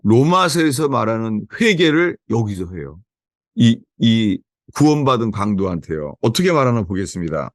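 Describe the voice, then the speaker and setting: A man's voice: lowish voice, big pitch swings, normal speed, dry recording, clean studio sound. A man preaching a sermon as pastor to a small house-church gathering, emphatic and asking the listeners rhetorical questions.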